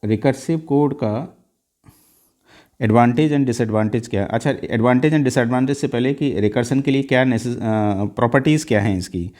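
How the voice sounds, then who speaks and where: A man teaching an exam-prep lesson on code, mixing Hindi and English and stepping slowly through each value with frequent "uh" fillers. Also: mid-range voice, darkish tone.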